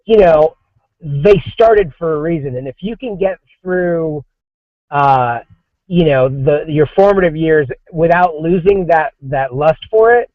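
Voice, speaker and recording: A man in his forties, a comics creative director appearing as a guest on a casual podcast interview, rambles with many restarts and fillers. His voice is fairly high and unhurried, with no room sound, on a dry, dull lo-fi recording.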